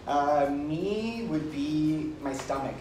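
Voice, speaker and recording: A man in his thirties chatting as a vlog co-host on a cruise ship balcony, friendly and explanatory, often agreeing with a quick yeah. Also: a little high, expressive, darkish tone, echoey room, far from the mic, slight background noise, poor audio. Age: 30s. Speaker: vlogger co-host. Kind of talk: casual chat.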